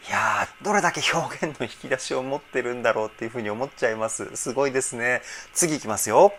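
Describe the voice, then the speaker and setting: A man's voice: mid-range voice, fast, a bit bright, a little hiss or hum. A man working as a vocal trainer, giving effusive reaction commentary on a song. He breaks into exclamations between short analytic remarks. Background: faint song playing.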